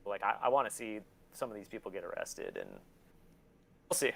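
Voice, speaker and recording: A man with a lowish, gravelly, fairly bright voice speaks briskly in a sing-song way, with slight background noise. He's an interview guest, a collector and documentary maker, telling stories in casual chat, talking bluntly with plenty of swearing and laughing easily.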